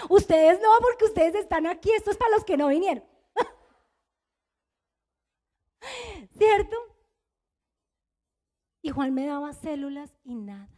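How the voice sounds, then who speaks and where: A woman pastor with a Colombian Spanish accent, preaching a confessional sermon and acting out remembered dialogue. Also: mellow. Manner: confessional storytelling, acting out dialogue, pitch swings high.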